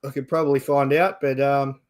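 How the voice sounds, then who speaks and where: A man's voice: mid-range voice, little pitch movement, a little fast. A man with an Australian accent hosting a casual sports chat show.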